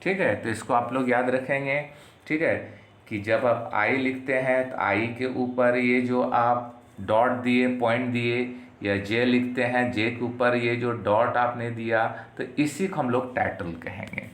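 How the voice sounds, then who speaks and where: A man from Bihar with an Indian accent, teaching an English lesson and explaining slowly, with lots of repetition and tag questions. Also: medium pitch, steady tone, fairly bright tone. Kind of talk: classroom lesson. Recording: echoey room.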